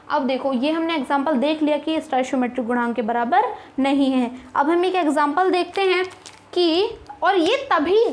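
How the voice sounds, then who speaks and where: A young woman teaching a chemistry lesson, explaining step by step, asking rhetorical questions and reassuring her students. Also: high voice. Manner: addresses students as kids, reassuring.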